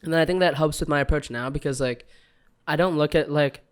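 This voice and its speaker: A man's voice: a little high, brisk, smooth. A young man, a guest fighter, talking in a laid-back, slangy way and laughing often in casual podcast chat. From United States.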